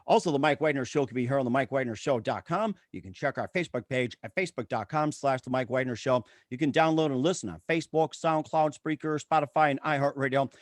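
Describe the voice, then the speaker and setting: A talk show host reads plugs and introduces a guest, using stock phrases in an announcer-style delivery. His mid-range voice moves fast with almost no pauses. The recording is dry and studio quality.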